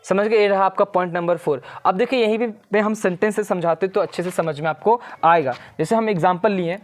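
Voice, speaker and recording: A teacher giving a grammar lesson, asking the class questions, answering them and slowly repeating each key step. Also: medium pitch.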